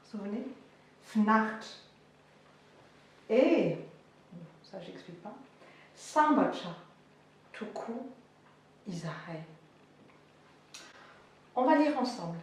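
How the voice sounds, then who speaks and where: A woman teaching a language lesson, explaining words slowly with many hesitations and fillers. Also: a little high, expressive. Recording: echoey room, voice far from mic, faint noise.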